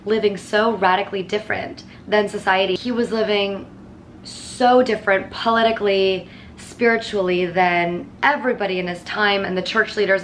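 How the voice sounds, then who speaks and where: A woman vlogger talking casually and earnestly to camera, leaning on filler words as she goes. Her voice sits at an ordinary middle pitch. A faint hum of noise runs under it. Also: fairly bright tone. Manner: chatty, filler-heavy, earnest. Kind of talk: casual monthly favorites chat.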